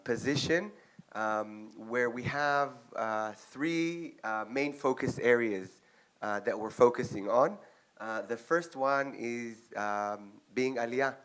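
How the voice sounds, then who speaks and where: A young Israeli man with an Israeli accent, representing an agency, gives an earnest speech to an audience, pausing often and saying um frequently. His voice is fairly low and fairly bright.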